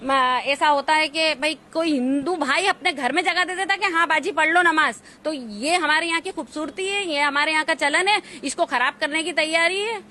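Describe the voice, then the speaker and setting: A woman's voice: high-pitched, moderate pace, hardly any pauses, sharp tone. A woman, answering an interview defiantly with pointed rhetorical questions. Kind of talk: indignant street interview answers.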